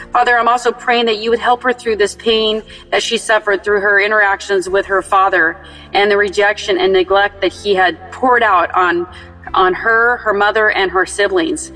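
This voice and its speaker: A woman's voice: medium pitch, bright, forceful tone. Earnest woman praying over reverberant music. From Texas. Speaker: prayer line caller. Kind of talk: informal spoken prayer and encouragement.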